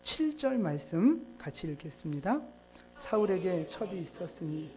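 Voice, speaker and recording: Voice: medium pitch, sing-song, normal speed, over music. A pastor preaching a sermon in a church in a conversational way, putting questions to the congregation. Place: church sanctuary.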